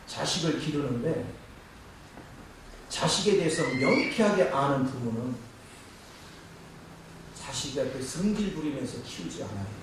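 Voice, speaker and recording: This pastor's fairly high voice comes through a distant mic amid background noise as he preaches in the church sanctuary. He peppers his sermon with rhetorical questions for the congregation, and the hall echoes.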